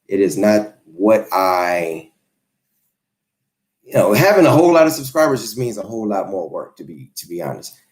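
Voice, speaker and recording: A relaxed man in his forties talks to his live audience in a lowish voice. His pitch jumps up and down a lot as he rambles easygoing and friendly. He answers comments off the cuff on a home livestream. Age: 40s. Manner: easygoing, rambling, laid-back. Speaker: YouTube creator hosting a livestream. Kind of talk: casual livestream chat reading comments. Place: home, Los Angeles.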